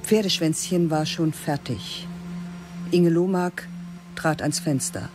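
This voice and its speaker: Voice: medium pitch, slow pace. Eine Erzählstimme trägt in ruhigem, literarischem Ton einen Hörspieltext vor. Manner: even, literary storytelling. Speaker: narrator. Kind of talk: scripted radio drama narration. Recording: narration over music.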